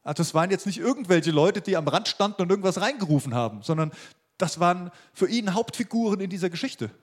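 A man's voice: high-pitched, expressive, fast. A man preaching a sermon as pastor, emphatic and repeating his key phrases.

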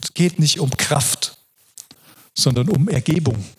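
A man's voice: on the high side, unhurried, a little hiss or hum. A man preaching a sermon in an earnest, reflective way, often restarting his sentences.

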